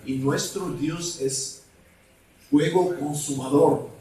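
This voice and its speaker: A man preaching a deliverance sermon as an evangelist, speaking in a slow, halting way and sometimes asking the congregation for a word. His is not the one he preaches in. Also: fairly high pitch, warm tone, a little hiss or hum. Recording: echoey hall, mic at a distance.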